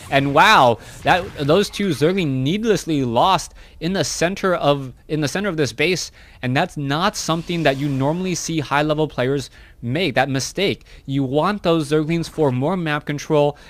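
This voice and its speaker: A man casting a strategy game match live, narrating each move as it happens. His voice sits a bit high for a man. He talks in a loose, chatty way, restarting phrases and correcting himself as he goes. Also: moderate pace, a bit bright. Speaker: esports caster. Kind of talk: live play-by-play game commentary.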